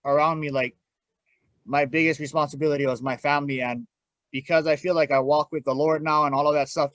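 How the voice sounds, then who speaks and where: A man's voice: fairly high pitch, a bit bright. A plain-spoken man giving a candid personal testimony as a podcast guest in casual conversation. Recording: dull, echoey room sound.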